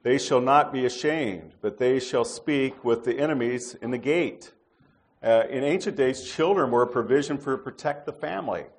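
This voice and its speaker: Man preaching a calm, unhurried sermon. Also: medium pitch. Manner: unhurried, conversational preaching with frequent fillers and restarts.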